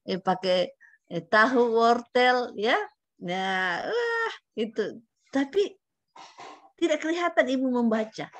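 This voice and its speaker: A woman mentor guiding trainees in an online session, chatty, tagging many sentences with a questioning "ya". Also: a little high. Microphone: camera at a computer.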